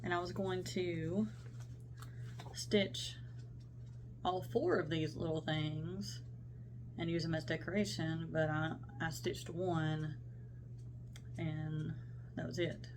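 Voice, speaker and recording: Against a noisy background, a young woman chats about her cross-stitch work for a show-and-tell vlog, wandering off topic and interrupting herself. Her voice is low and steady, stuffed up from a sinus infection, and she speaks slowly with frequent pauses.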